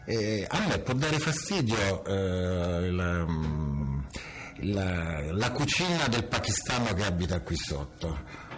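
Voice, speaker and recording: A man's voice: low voice, very animated, slow pace. A man photographer answering interview questions in a frank, provocative way, often searching for his words. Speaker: photographer and creative director.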